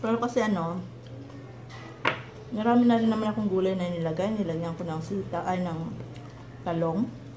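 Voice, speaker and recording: A Filipino woman vlogging at home, chatting in an unhurried way while chewing her food. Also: medium pitch, fairly even intonation, noisy background. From Philippines. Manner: unhurried, chatty, with long eating pauses. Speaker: mukbang vlogger. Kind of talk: casual mukbang chat. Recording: echoey room with clattering dishes.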